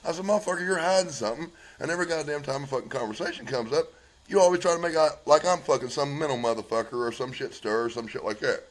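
A man's voice: mid-range voice, quick pace, a little hiss or hum. A man telling a raw, heavily profane story into his phone on a live video, acting out both sides of old arguments. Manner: swears constantly, acts out both sides of past conversations. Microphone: phone held at arm's length.

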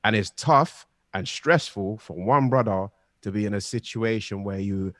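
A man's voice: on the low side, normal speed, a bit bright, no echo, clean studio sound. A young man co-hosting a podcast, talking earnestly and pressing his points with slangy asides. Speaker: podcast co-host. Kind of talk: casual chat.

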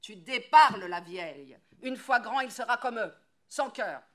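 A woman's voice: fairly high pitch, animated, unhurried, pitched above the performer's own voice. A woman reading aloud and voicing a harsh, fearful male woodcutter who roars his accusations. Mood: scornful. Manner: roaring, loud and accusing.

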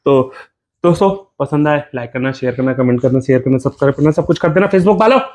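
A man's voice: mid-range voice, fast talker, darkish tone. A young man hosting a home prank video on his wife, pleading and teasing with a laugh in casual banter.

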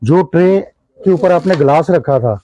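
A man's voice: a little high, lively intonation, moderate pace, warm tone, dull audio. A man, chatting casually and asking a shopkeeper about prices. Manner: curious, asks prices, chatty. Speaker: vlogger. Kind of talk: casual shopping chat.

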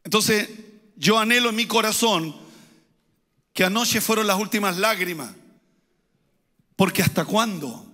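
A pastor preaches with a high, bright voice, pressing his points home through repetition and rising emphasis. His words ring out with a long hall reverb. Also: normal speed, pauses often. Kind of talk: sermon.

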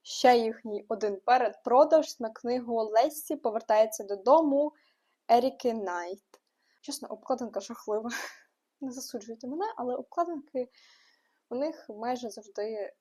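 Young female book vlogger, a bit high-pitched, casual and opinionated. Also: warm tone, husky. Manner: chatty, quick asides and frank opinions. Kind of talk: casual book news roundup.

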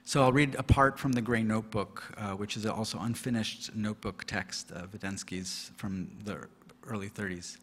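A man, a literary translator, reading translated prose aloud at an awards reception in a deliberate, measured way, with hesitant asides full of ums and uhs. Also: lowish voice, fairly even intonation, fairly bright tone. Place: reception hall. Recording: long reverb of a reception hall.

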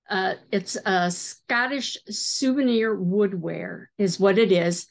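A middle-aged woman hosting a needlework video, showing items in a casual, hesitant way with many fillers. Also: medium pitch. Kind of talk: casual show-and-tell.

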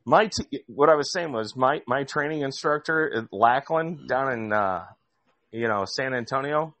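A man from Indiana tells long, rambling stories in casual chat, frequently restarting himself. His voice is medium-pitched and fairly bright, at a normal speed.

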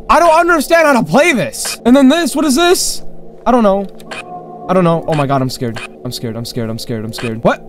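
A man's voice: very high voice, slight background noise. A man hosting a horror game let's play, confused and jumpy, talking to himself as he plays. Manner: jumpy, confused, talks to himself while playing. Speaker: gaming channel host.

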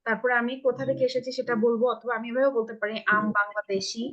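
A woman's voice: on the high side, steady tone, quick pace, lo-fi sound. A woman with a Bangladeshi accent teaching English to children in an online live class over a video call, patiently repeating model phrases and checking that everyone understands.

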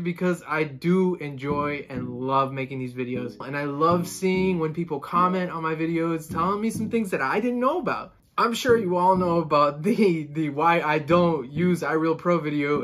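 A saxophonist vlogger in his twenties, born in Colombia, sits facing the camera in a room at home and talks casually, both hands gesturing. He has a high-pitched, somewhat bright voice.

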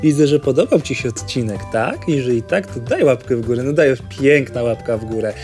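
A man's voice: medium pitch, brisk, darkish tone. Man hosting a video outro over music. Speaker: video host. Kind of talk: direct-to-viewer outro.

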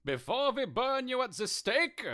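A man's voice: very high-pitched, big pitch swings, unhurried, pushed and bright, heavily acted. A man voicing a pompous, preachy village priest putting a woman on trial for witchcraft.

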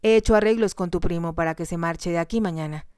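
Cold, curt aristocrat husband, voiced by a woman in whispered role-play; keep it low and smooth. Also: fast, darkish tone, no room sound, clean studio sound, close to an everyday voice. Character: cold, commanding aristocratic husband called the devil.

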